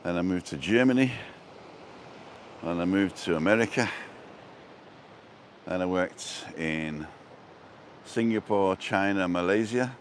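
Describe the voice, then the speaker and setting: Unhurried and pausing often, a low-voiced British travel vlogger rambles through a live walking tour along a seaside promenade, slipping in dry jokes and answering viewer comments. Born in England, he has lived in Wales and abroad, and noisy street and seafront ambience surrounds him.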